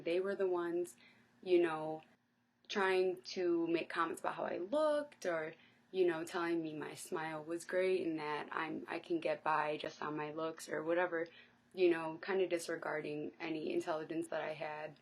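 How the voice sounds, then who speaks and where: A woman's voice: lowish voice, rough recording. A woman in her twenties, a college student, speaking hesitantly with frequent fillers in an interview. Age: 20s. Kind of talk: personal testimony.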